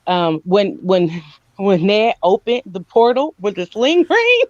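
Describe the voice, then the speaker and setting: An excitable woman chatting on a movie review podcast. Her voice comes through muffled and lo-fi. The sound is dry and close, with no room around it. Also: mid-range voice, takes it slowly, dry recording. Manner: excitable, acts out scenes with squealing quoted voices. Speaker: podcast co-host. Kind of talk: casual movie review chat.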